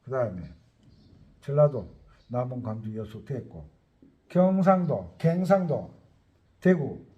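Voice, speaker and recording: A man's voice: mid-range voice, big pitch swings, measured pace, long pauses, narrow, tinny audio. A man who teaches accordion, talking casually, rambling and thinking aloud as he goes. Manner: chatty, rambling, thinks aloud while listing places. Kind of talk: casual talk to viewers.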